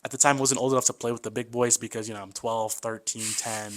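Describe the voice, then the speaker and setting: A young man in his twenties, a podcast guest in a relaxed, casual conversation. He is chatty and loose, often calling the host "man". He tells his stories with some life, acting out the voices of the people in them. His voice sits at a middle pitch. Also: fast talker. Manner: lively storyteller who acts out quoted voices.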